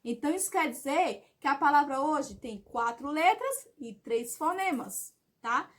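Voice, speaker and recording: A woman's voice: high-pitched, animated. A woman teaching a grammar lesson in a video, who asks questions and answers them herself and checks in with "tá?". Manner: ends phrases with a checking "tá?"; says example words slowly and clearly. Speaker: Portuguese teacher.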